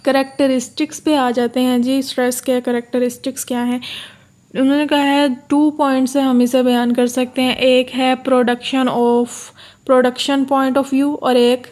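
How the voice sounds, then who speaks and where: Her pitch is high and level, barely moving, with a slightly mellow quality. Lecturing as an online tutor on course notes, she slowly reads lines in English, explains them in Urdu, and repeats things, often asking "theek hai".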